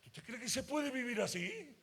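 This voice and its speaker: Guy preaching hard, high bright voice, goes from shouting to quiet. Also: big pitch swings, moderate pace, breathy edge. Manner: passionate preaching, swings from shouting to hushed asides; acts out worried voices of doubters. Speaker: pastor. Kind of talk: sermon.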